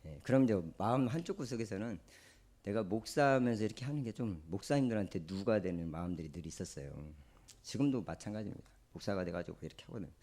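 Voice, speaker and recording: A man's voice: on the low side, lively intonation, quick pace, warm tone. A male pastor with a Jeolla Korean accent, preaching a sermon in a conversational, storytelling way. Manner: conversational, storytelling, acts out quoted speech.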